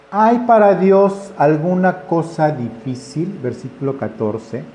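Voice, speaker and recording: A man's voice: on the high side, mellow. A man preaching a conversational sermon, acting out the voices in his stories. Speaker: pastor. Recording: echoey room with faint ambience.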